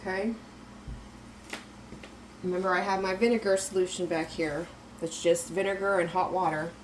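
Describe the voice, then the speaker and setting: A woman getting over an illness, talking through a kitchen canning tutorial in a relaxed, instructive way and repeating reminders. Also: lowish voice, normal speed, a little hiss or hum, poor audio. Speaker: home canning vlogger. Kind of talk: casual step-by-step kitchen tutorial. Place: home kitchen.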